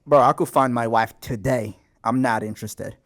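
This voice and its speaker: A man's voice: medium pitch, fairly even intonation, moderate pace, fairly bright tone. Laid-back young man telling a story. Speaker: podcast co-host. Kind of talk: casual chat.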